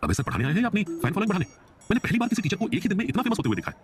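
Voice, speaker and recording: A man voicing a teasing, quick-tempered college girl with a sharp, mocking manner. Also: sits high, very animated, noisy background, voice pushed up.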